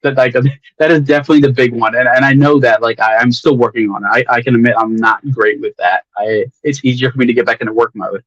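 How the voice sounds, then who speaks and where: A man with a medium-pitched voice talks casually as a guest author on a livestream. He rambles candidly and plays himself down. The audio is dry and a little dull. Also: steady tone, quick pace, a bit bright, dry recording.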